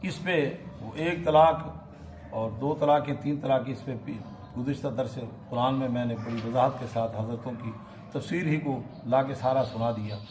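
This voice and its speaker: A man's voice: medium pitch, normal speed, darkish tone. A man with a Pakistani Urdu accent giving a Quran lesson in a mosque, reciting Arabic verses and explaining them with questions to the congregation. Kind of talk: mosque sermon, Quran commentary. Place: mosque hall. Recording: echoey mosque hall, faint noise.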